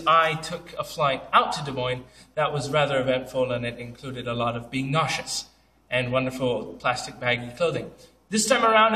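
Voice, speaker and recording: A man's voice: fairly high pitch, bright, forceful tone, reverberant, distant mic. A young man telling funny travel stories in a casual, joking, self-deprecating way, talking straight to camera. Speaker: vlogger.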